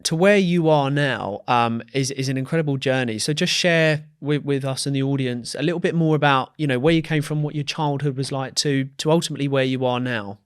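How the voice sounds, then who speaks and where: Upbeat podcast host. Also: male voice, medium pitch, fairly quick, few pauses, clear, resonant tone, no echo, clean studio sound. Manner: upbeat, enthusiastic, repeating words as he goes. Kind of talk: podcast interview hosting.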